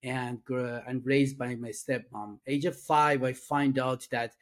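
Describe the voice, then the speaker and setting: A man's voice: mid-range voice, fairly even intonation. Middle-aged man with an Iranian accent. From Iran. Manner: halting, many fillers and restarts. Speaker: guest, addiction and trauma coach. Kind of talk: casual interview.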